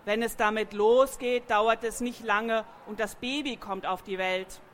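Woman playing a slow, grumbly old gelding. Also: on the high side, steady tone, slight background noise, close to an everyday voice. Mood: reassuring.

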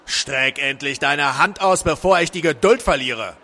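Man doing a slow, sneering demon. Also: fairly high pitch, bright, forceful tone. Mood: commanding. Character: giant demonic male being, mocking and calm.

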